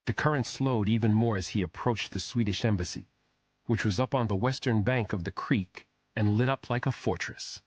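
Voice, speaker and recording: A man narrating a thriller audiobook in a steady, measured storytelling manner. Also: lowish voice, breathy edge, no echo.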